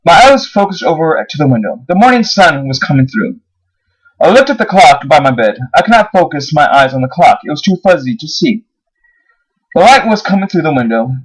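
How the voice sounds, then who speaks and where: A man's voice: on the high side, sing-song, brisk, slightly rough, low-quality recording. A man reading his own first-person horror story aloud, his voice rising on the dramatic moments. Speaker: narrator.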